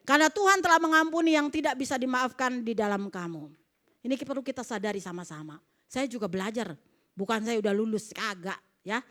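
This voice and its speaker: Woman pastor, high voice, animated church sermon with calls for amen. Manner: animated preaching, calls for amens, acts out dialogue. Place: church service.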